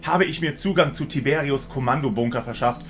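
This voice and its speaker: A man's voice: mid-range voice, brisk, close to an everyday voice. A man reading out a smug, mocking female killer in an audiobook-style story. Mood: gloating. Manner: smug, mocking, coolly theatrical. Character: cold scheming female killer, gloating.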